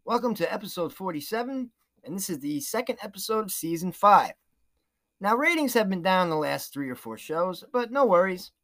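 A man's voice: high-pitched, very animated, moderate pace, a bit bright. A man hosting a solo podcast, talking loosely with lots of fillers and restarts and a sarcastic edge. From New York. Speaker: podcast host.

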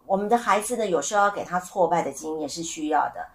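A middle-aged woman hosting a casual solo podcast, telling stories with lively acted-out voices and asking her listeners questions. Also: on the low side, quick pace, faint music behind. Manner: animated storyteller who asks listeners questions. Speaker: podcast host.

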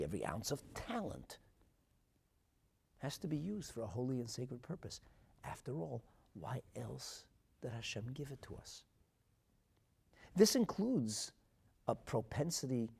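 Preaching with a North American accent, this rabbi and Torah teacher speaks at medium pitch in a gravelly, slightly rough voice. His sermon moves dramatically between hushed asides and loud declarations, with emphatic, deliberate phrasing and rhetorical repetition.

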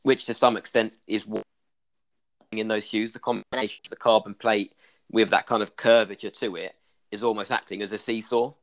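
A man's voice: fairly low pitch, steady tone, normal speed. Irish man explaining running injuries. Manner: explanatory, with many fillers like "kind of". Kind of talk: casual podcast discussion.

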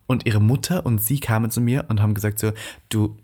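A man's voice: lowish voice, steady tone, brisk, warm tone, husky. A man co-hosting a podcast, telling stories in a campy, crude, casual way. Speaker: podcast co-host. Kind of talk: casual chat.

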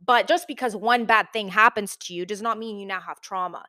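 A woman's voice: mid-range voice, fairly quick, sharp tone. A young adult woman gives casual, conversational commentary as a video host, sprinkling in "like" and "again", recorded in a big, sparsely furnished room that echoes. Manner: informal, conversational, frequent "like" and "again".

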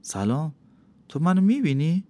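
A man reading an audiobook, voicing the gentle ghost of a young woman who speaks softly and reassuringly. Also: on the high side, big pitch swings, pitched above the performer's own voice. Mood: wondering. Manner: soft, soothing, reassuring. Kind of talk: audiobook character voice.

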